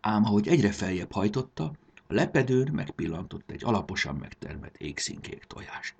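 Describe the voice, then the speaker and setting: A man narrating a children's story in a gentle, expressive reading. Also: lowish voice, gravelly, breathy edge, dull audio.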